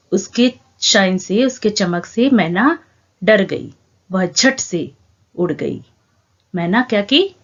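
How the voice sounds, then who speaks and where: A woman teaching a reading lesson to young children, asking the class questions and answering them herself in a patient, drawn-out way. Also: mid-range voice. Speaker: primary school teacher. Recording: dull lo-fi home recording.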